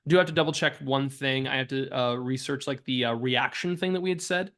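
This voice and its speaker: A man's voice: mid-range voice, fairly quick, fairly bright tone. A man narrating as game master for a tabletop game, hesitant and full of fillers. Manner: hesitant, many ums and uhs, laughs easily.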